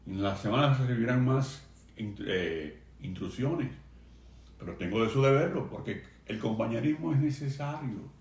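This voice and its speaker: Pastor guy preaching, earnest and emphatic, mid-pitch voice, room echo all around. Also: darkish tone. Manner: earnest, emphatic preaching with slow stressed phrases. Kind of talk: sermon. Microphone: video stream for a remote congregation.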